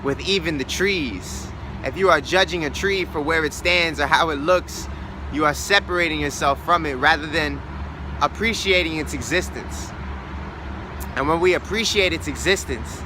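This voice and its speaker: A man's voice: on the high side, noisy background. A man hosting a motivational spiritual talk, earnest and reflective, repeating key words for emphasis, recorded outdoors near a street. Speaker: host of a self-help challenge series.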